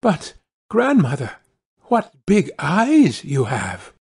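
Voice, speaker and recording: An innocent, trusting little girl from a storybook, acted out by a man, pitched up from his usual voice. The lines are earnest and polite, slowly drawn out with a wondering lilt. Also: very animated, vocal fry, husky, heavily acted. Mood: astonished.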